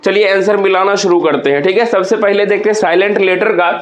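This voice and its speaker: High-voiced male teacher in an echoey room. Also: fairly even intonation, fairly quick. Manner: explains step by step with repeated rhetorical questions. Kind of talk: exam answer walkthrough. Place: hot room with a towel in use.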